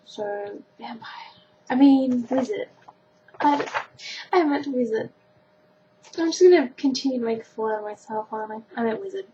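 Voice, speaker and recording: Her voice is high, warm, and expressive as this teenage Australian vlogger, age sixteen, chats to camera about a questionnaire in an informal, self-mocking way. She moves at a moderate pace but leaves long pauses. The recording sounds dull and lo-fi, with faint background noise.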